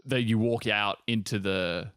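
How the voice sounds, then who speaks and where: Rambling man, lowish voice. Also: a little slow, fairly bright tone, clean tone, dry recording, studio quality. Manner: rambling, swears casually. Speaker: podcast co-host. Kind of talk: casual podcast chat.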